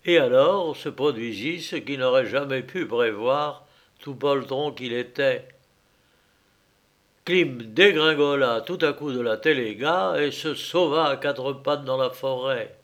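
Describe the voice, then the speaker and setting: Slow, measured male storyteller. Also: medium pitch, a bit bright. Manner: measured, deliberate reading. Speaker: narrator. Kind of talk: storybook narration.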